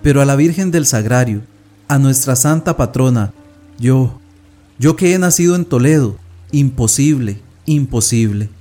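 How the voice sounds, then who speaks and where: A man's voice: medium pitch, lively intonation, moderate pace, dark tone, faint music behind, natural voice. A man reading as an anguished, devout young man. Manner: impassioned, anguished outbursts. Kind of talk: audiobook reading of a classic tale.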